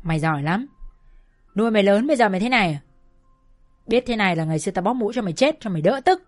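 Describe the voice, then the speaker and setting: Harsh, furious mother, voiced by a woman reading a story, shouting contemptuous scolding at her own child, faint music under the voice. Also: medium pitch, expressive, very fast, dry recording, clean studio sound, close to an everyday voice.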